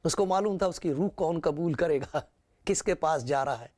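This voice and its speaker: A man's voice: fairly high pitch, darkish tone. A man preaching a sermon, retelling scripture with repetition and rhetorical questions.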